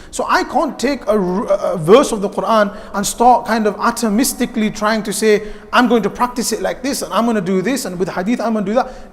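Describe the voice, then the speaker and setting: A man gives a lively, direct youth talk in a mosque, putting questions straight to his listeners. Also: sits high. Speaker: youth programme speaker. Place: mosque hall. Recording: long hall reverb.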